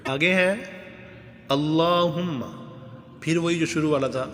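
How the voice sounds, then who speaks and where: A man's voice: a little high, fairly bright tone, slight background noise. Man, patient recitation teacher, word-by-word corrections, long reverb. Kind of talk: religious recitation lesson.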